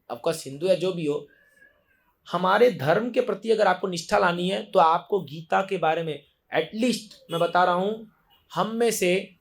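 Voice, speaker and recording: A man preaches to a gathering of devotees, his voice sitting high for a man. He drives his points home with insistent repetition and drops English words into his Hindi as he urges listeners to act. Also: creaky. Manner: emphatic, exhorting, repeats key phrases. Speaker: temple preacher. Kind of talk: sermon to devotees.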